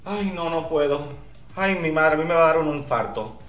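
A man's voice: a little high, moderate pace, fairly bright tone. A man giving flamboyant, bawdy reaction commentary as a drag queen vlogger, gushing and breaking into shrieking outbursts. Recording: echoey room, mic at a distance, faint music.

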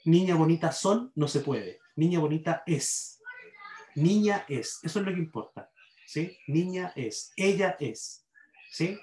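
A man's voice: a little high, expressive, unhurried, darkish tone, reverberant, poor audio. A man with a Chilean accent teaching a university grammar class online. He explains by repeating examples and checks in with his students. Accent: Chilean Spanish.

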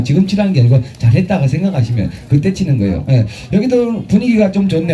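High-voiced joking festival emcee man. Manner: joking, crude teasing, shouting cues. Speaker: street performer emcee. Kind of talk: outdoor festival stage banter with the crowd. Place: outdoor festival stage.

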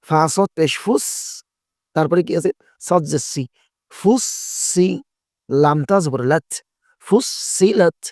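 Man, tajweed lesson, self-questioning drills, fairly high voice, dry room. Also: expressive, takes it slowly, long pauses, darkish tone, dry recording. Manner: patient, repetitive, asks and answers his own questions. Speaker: Quran recitation teacher. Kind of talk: tajweed lesson, spelling out letters.

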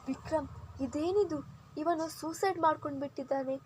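A woman's voice: sits high, moderate pace, a little mellow, a little hiss or hum, pitched above the performer's own voice, close to an everyday voice. A woman voicing a distressed young wife who speaks in a shaky, tearful voice. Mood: guilty, tearful.

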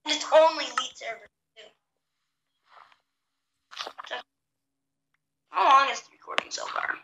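A woman's voice: high voice, unhurried, gravelly, bright, forceful tone. A woman chatting casually to her viewers while gaming, recorded in a small bathroom that echoes. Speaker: gaming channel host. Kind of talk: casual game chat. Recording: echoey bathroom, faint noise.

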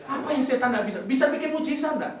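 A man's voice: very high voice, animated, quick pace. A man preaching a sermon as pastor, playful and teasing, throwing questions at the congregation. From Indonesia. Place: church hall. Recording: echoey hall, far from the mic.

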